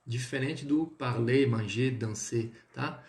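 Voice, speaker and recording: A Brazilian man leads a live online French lesson and explains things patiently. He keeps checking in with his viewers as he goes. His voice sits at a middle pitch and carries a roomy echo. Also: slow pace, a little mellow. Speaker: French teacher. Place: indoor room, livestream.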